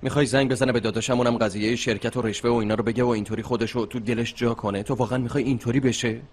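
A man's voice: medium pitch, steady tone, a little hiss or hum, close to an everyday voice. A man dubbing a weary young man who refuses to involve his family. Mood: stubborn. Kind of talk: Persian dubbing of a TV series.

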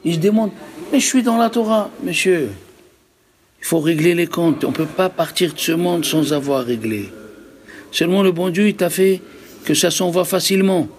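A rabbi teaching a religious lesson to a live group, emphatic and full of rhetorical questions. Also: male voice, fairly high pitch, normal speed, a little mellow, a little hiss or hum.

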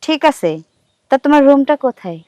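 Young woman as scheming bossy girl, high fast voice, dry sound. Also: animated, a little mellow, dry recording. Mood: sly. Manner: brisk, sly and commanding. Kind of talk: comedy TV play acting.

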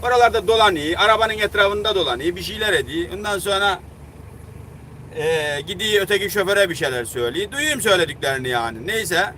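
Heated man in his thirties, truck driver, high-pitched voice, vlogging by a loud road. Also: animated, brisk. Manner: heated, indignant, swearing, acts out both sides of a quarrel. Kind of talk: angry casual storytelling vlog. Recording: noisy roadside traffic. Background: vehicles and outdoor traffic.

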